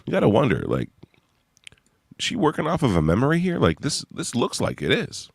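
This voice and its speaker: A man's voice: medium pitch, huge pitch swings, moderate pace, vocal fry, slightly rough, no echo, clean studio sound. A young man casually walking through his website on screen, rambling and thinking aloud. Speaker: website creator giving a demo. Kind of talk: casual screen-share walkthrough.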